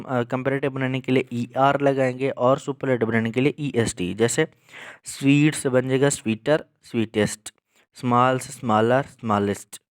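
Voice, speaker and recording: A man teaching English grammar in a patient lesson. He often checks in with the listener and slows down to spell out each example. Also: medium pitch, no echo, clean studio sound. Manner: patient, repeats 'theek hai' to check understanding. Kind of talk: explanatory lesson.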